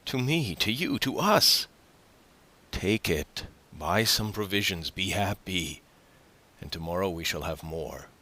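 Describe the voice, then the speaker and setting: A man's voice: sits low, measured pace, bright, forceful tone. A man reading as an eager young sailor. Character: eager young male sailor returning home.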